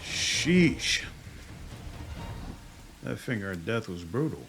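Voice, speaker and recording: Low-voiced man doing game commentary. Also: big pitch swings, takes it slowly, a bit bright, a little hiss or hum. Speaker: gamer, let's play host. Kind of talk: casual game commentary and dramatic read-aloud narration.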